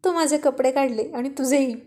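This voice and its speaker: A woman's voice: high-pitched, moderate pace, mellow, natural voice. Woman voicing a teasing young husband.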